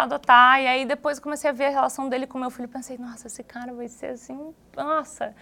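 A woman's voice: sits high, vocal fry, bright, forceful tone. Frank Brazilian woman, slangy chat. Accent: Brazilian Portuguese. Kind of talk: casual podcast chat.

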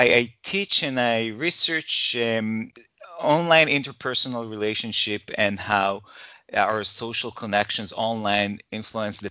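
Israeli guy, kinda low voice but bright and forceful, stumbles and repeats words, dry close mic. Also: no echo. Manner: hesitant, many repeated words. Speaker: guest, professor. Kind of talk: interview conversation.

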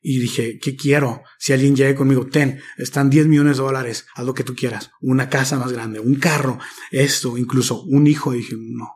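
A man's voice: mid-range voice, steady tone, moderate pace, few pauses, breathy edge. A man, reflectively recounting a personal story with casual slang as an interview guest. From Mexico. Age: 30s. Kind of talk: personal testimony in conversation.

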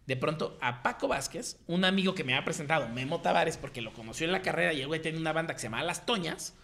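A man's voice: a little high, very fast, creaky, fairly bright tone. A man in his thirties with a Mexican accent, telling his story in slangy casual chat and acting out the voices of people he quotes. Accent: Mexican Spanish.

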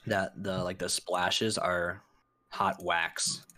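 A man's voice: low-pitched, little pitch movement, takes it slowly, sharp tone. A man co-hosting a podcast, chatting enthusiastically about an album and swearing casually. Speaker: podcast co-host. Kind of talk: casual chat reviewing an album.

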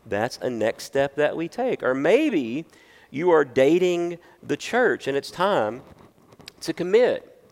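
A man's voice: fairly high pitch, big pitch swings, takes it slowly, darkish tone. A man preaching a sermon as pastor, earnest and putting questions to his listeners.

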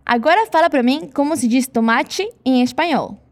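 A Brazilian woman teaching Spanish pronunciation in a scripted lesson, saying model words slowly for repetition. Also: high-pitched.

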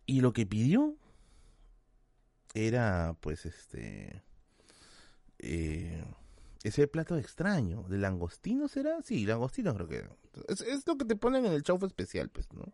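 A man with a Lima Peruvian accent, a podcast host telling a self-mocking anecdote in a casual, animated way. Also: mid-range voice, unhurried, creaky, pauses often, no echo. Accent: Peruvian Spanish, Lima.

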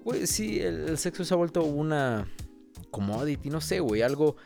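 A man's voice: a little high, big pitch swings, moderate pace, gravelly, a little mellow, faint music behind. A young man with a Mexican accent in a casual chat, mixing English phrases into crude, slangy Spanish full of swearing. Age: young adult.

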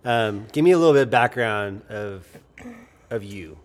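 A man's voice: on the low side, animated, normal speed, slight background noise. A man hosting a podcast in casual chat, rambling and often restarting his sentences. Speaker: podcast host.

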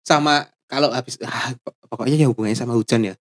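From Java, this man co-hosts a casual chat podcast, bantering and telling stories playfully with frequent laughter. He talks fast in a steady, mid-range voice.

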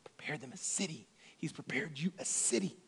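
This pastor's voice is a little high and husky, and he speaks fairly quickly, his church sermon trailing off in long reverb. His earnest delivery swings from loud emphasis down to near-whispers.

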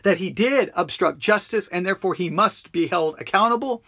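A man's voice: sits high, moderate pace, sharp tone. A man hosting a live political commentary broadcast, earnest and often restarting his phrases.

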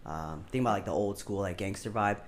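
A man's voice: fairly low pitch, fairly quick. Laid-back young man, casual swearing. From Long Beach, California. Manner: laid-back, swears often, says dude a lot. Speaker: podcast guest. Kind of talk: casual chat.

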